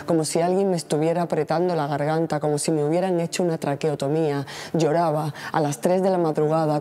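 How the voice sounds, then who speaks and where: Low dark-voiced woman reciting poetry. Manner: measured, solemn recital with long repetitions. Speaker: poet. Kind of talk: poetry reading.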